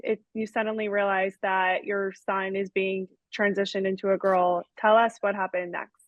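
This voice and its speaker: A woman's voice: mid-range voice, level tone, moderate pace, no room sound. A woman interviewing a guest, asking pointed questions with an emphatic, incredulous manner. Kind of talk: conversational interview. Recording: dry, dull lo-fi audio.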